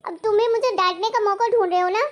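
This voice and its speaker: Cartoon young wife, defiant, quick comebacks, very high-pitched voice, played by a woman. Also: fairly even intonation, muffled recording. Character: young wife, sharp-tongued daughter-in-law. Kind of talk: cartoon voice acting.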